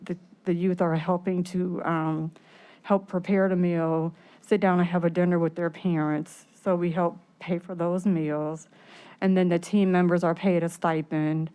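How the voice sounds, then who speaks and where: Woman presenter, low and clear, speaking through a face mask, slightly breathless, explaining haltingly in a formal meeting. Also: mellow. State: short of breath behind the mask. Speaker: program staff presenter at a committee meeting. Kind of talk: explanatory answers at a public meeting.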